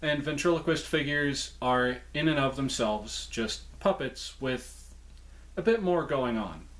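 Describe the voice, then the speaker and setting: Male collector-presenter, mid-pitched voice, casual show-and-tell delivery, chatty, informal, self-correcting. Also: unhurried, a bit bright. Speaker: presenter showing a puppet collection.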